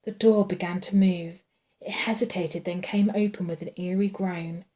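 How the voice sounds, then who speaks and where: A woman reading a horror novel aloud in a hushed, suspenseful way, dropping at times to a whisper. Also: on the low side, steady tone, moderate pace. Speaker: audiobook reader.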